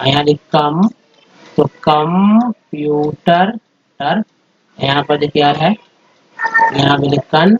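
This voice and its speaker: A man's voice: a little high, husky. A man teaching English phonics, sounding out word parts one at a time and then joining them into whole words. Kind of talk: spoken phonics lesson over slides. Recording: dull lo-fi recording.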